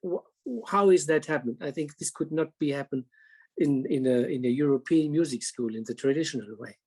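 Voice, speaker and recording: Hesitant man with a raised pitch. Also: brisk, a little mellow, husky. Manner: hesitant, many restarts, slightly non-native phrasing. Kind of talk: conference panel talk.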